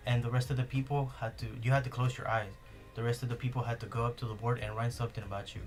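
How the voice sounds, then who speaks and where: The host is a young adult native Spanish speaker whose accent shows as he talks rapid-fire on his podcast, with soft background music. His medium-pitched voice shows little pitch movement, and the casual chat rambles with many fillers and restarts.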